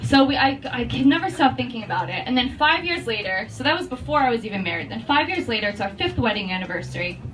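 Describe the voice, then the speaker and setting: A woman comedian telling a stand-up story, animated and profane, bursting into loud shouts. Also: on the high side, quick pace, few pauses. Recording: distant mic, noisy.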